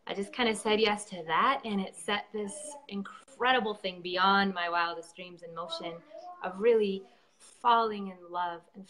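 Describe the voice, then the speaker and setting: A woman event organizer talks in a live-stream conversation, earnest and effusive, full of ums, fillers and restarts. Her voice is mid-range and a bit bright, and the recording is rough.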